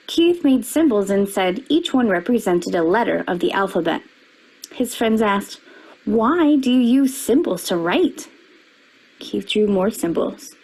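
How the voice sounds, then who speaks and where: A woman, her voice a touch husky, gives an expressive reading of a children's picture book and goes higher in pitch whenever characters speak. The audio quality is poor.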